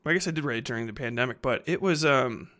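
Speaking fast in a sharp, mid-range voice, this man in his thirties, a fiction writer who hosts a podcast, rambles off the cuff. His monologue is blunt, full of slang and peppered heavily with casual swearing.

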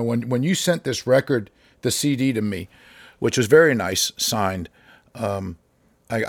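A man being interviewed as a drummer guest, talking in a casual, halting way with many fillers and restarts. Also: mid-range voice, creaky, slightly rough, no room sound.

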